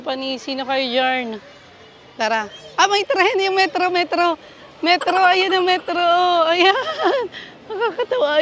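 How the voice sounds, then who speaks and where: A vlogger narrates a casual travel video on a handheld phone while walking through an indoor theme park, exclaiming excitedly to her viewers. Her voice is high-pitched, with a little hiss or hum in the recording.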